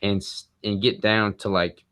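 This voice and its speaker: A man guest in a casual interview, explaining his diet approach in a quick, relaxed way with casual fillers. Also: on the low side, dry recording, clean studio sound. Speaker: bodybuilder guest.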